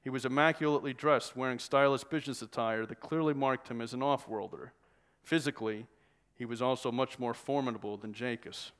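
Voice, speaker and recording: A man's voice: medium pitch, fairly quick, a bit bright. Man reading his novel aloud. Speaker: author.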